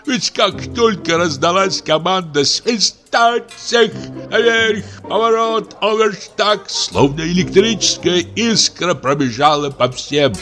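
A man's voice: expressive, slow, fairly bright tone, soft background music, full character voice. A man voicing a pompous, hard-of-hearing old retired navy captain who barks ship's commands in an audiobook play. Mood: nostalgic. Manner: booming sea commands, mishears everything.

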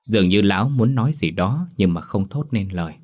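A man narrating a ghost story in a steady, grave storytelling manner. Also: fairly low pitch, a little fast.

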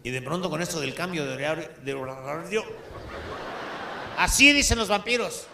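Crude, profane Mexican comedian, high voice. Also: male voice, lively intonation, moderate pace, creaky, reverberant, background noise. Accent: Mexican Spanish. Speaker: stand-up comedian telling jokes. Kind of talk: raunchy stand-up joke telling.

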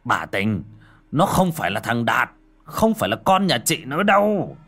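A man voicing a stern old male Taoist master who shouts urgent commands. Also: mid-range voice, sing-song, normal speed, faint music behind, voice pushed up. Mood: alarmed shout.

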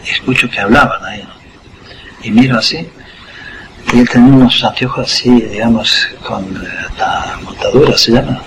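An older man tells his story calmly, pausing to act out each detail of the scene. His voice sits at an ordinary middle pitch. A faint hiss of background noise runs under the recording. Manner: unhurried storyteller, acts out the scene with short asides. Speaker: interview guest. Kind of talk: personal testimony, storytelling. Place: school radio studio.

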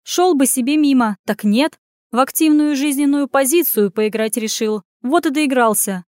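A woman voicing a frantic, sharp-tongued young woman on the run, snapping back and shrieking in a panic. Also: on the high side, animated, moderate pace, dry recording, studio quality, close to an everyday voice. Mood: snappy.

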